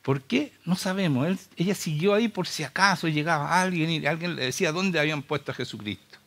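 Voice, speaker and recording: A man's voice: on the high side, fairly quick, fairly bright tone. A Chilean man preaching a sermon with urgent, impassioned rhetorical questions.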